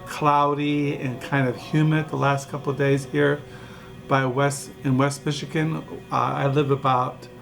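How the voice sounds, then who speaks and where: Male, 60s, from California, gravelly voice, digressive home vlogger, faint music underneath. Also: mid-range voice. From California, USA. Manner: digressive, halting, with many fillers and restarts. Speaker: book vlogger. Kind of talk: rambling casual monologue. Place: dining room at home. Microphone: camera mic.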